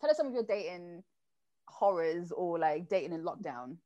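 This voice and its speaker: A woman with a fairly low voice speaks at normal speed, the recording's highs cut off. She chats casually and tells dating stories in a lively way, acting out what people said.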